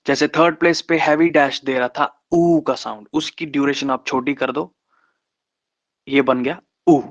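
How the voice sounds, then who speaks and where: A man teaching shorthand in an online class, slowly repeating vowel sounds and example words. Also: a little high, fairly even intonation, vocal fry. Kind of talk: online lesson. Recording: slightly dull, lo-fi sound.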